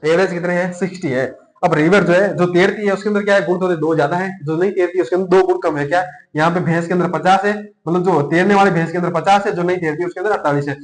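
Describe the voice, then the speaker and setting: A man's voice: high-pitched, fairly even intonation, quick pace, roomy sound. A man with a Rajasthani Hindi accent teaching an exam class, chatty and repetitive, asking himself questions as he goes. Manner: chatty, repeats points and asks himself questions. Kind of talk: classroom lecture with memory tricks.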